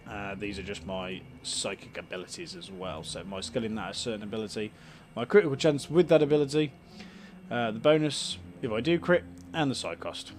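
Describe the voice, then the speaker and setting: A man's voice: lowish voice, fairly quick, a little mellow, a little hiss or hum. A British man hosting a let's play, casually explaining a game's menus and items with frequent ums and uhs. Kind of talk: casual game commentary.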